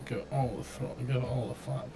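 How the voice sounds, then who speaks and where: A man's voice: medium pitch, completely flat delivery, fast, background noise. A man live-streaming a flight simulator with casual commentary, muttering to himself in a dry, sweary, self-deprecating way. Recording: game stream with clear background music. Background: music.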